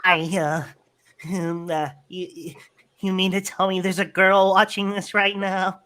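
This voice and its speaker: A painfully shy man making a dating video, as a man puts him on, stammering slowly through every answer. He keeps trailing off into hesitant, halting fillers. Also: high voice, flat delivery, sharp tone, smooth. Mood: awkward. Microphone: video call.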